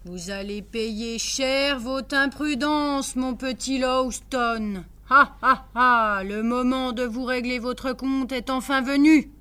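A menacing male villain in a storybook reading, gloating slowly and threateningly, voiced by a woman. His voice sits high and bright. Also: steady tone, full character voice.

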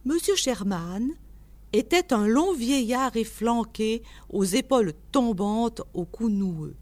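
A woman narrating an audiobook in a measured storytelling manner. She reads slowly, with a high voice. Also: lively intonation, darkish tone. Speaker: reader.

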